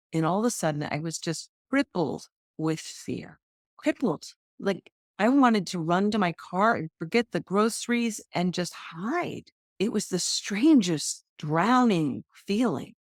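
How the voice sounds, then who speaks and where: A woman's voice: no echo, studio quality. A woman hosting a podcast, telling personal stories in a chatty, self-deprecating way. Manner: chatty and self-deprecating, with lively pitch jumps. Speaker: podcast host. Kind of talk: personal storytelling monologue.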